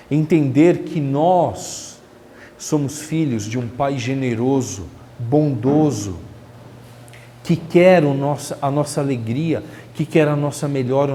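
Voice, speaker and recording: A man's voice: medium pitch, mellow, big-room sound, a little hiss or hum. A man giving a spiritist lecture in a chatty way, asking the audience rhetorical questions. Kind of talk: religious lecture. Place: lecture hall of a spiritist center.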